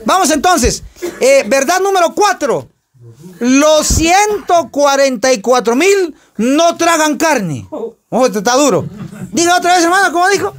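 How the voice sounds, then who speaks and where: High-voiced preacher quizzing his flock. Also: very animated, unhurried. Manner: emphatic questioning of the congregation. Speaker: pastor. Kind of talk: sermon.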